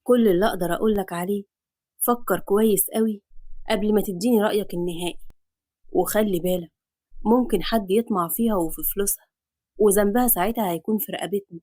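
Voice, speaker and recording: A woman's voice: mid-range voice, fast talker, a little mellow, dry recording, close to an everyday voice. A woman with an Egyptian accent voicing a worried young adult son in a storybook reading, earnest and anxious. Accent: Egyptian Arabic.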